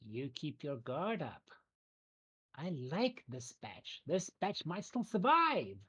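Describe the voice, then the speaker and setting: A man voicing a gruff female goblin trainer who gives clipped, bossy orders in simple speech. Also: on the high side, huge pitch swings, sharp tone, pitched above the performer's own voice, exaggerated voice. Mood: approving, stern. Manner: slow, clipped broken-English commands.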